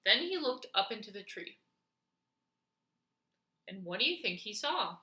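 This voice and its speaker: Woman, very bright crisp tone, expressive children's storytelling, deliberate and dramatic delivery, echoey room. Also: mid-range voice. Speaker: storybook reader. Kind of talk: expressive read-aloud narration for young children.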